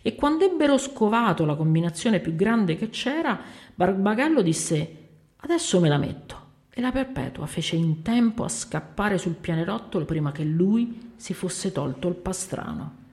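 A woman reading a short story aloud in an expressive storytelling manner. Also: medium pitch, moderate pace.

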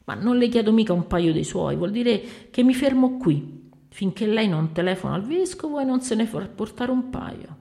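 A woman voicing a brash, bearded male porter who talks loud, teasing and impudent. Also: mid-range voice, animated, moderate pace, vocal fry, pitched above the performer's own voice. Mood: cheeky.

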